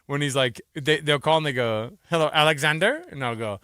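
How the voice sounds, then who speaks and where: A man's voice: on the high side, a little fast, clean tone, no room sound, studio quality. A man in his forties hosting a radio talk show, chatting casually and slipping into put-on voices for his stories. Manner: animated, slips into put-on voices for anecdotes. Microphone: studio mic.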